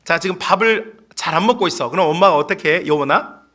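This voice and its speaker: A man's voice: fairly high pitch, quick pace, fairly bright tone. A middle-aged male pastor giving a playful sermon, acting out parents' voices and chatting with the children in the congregation.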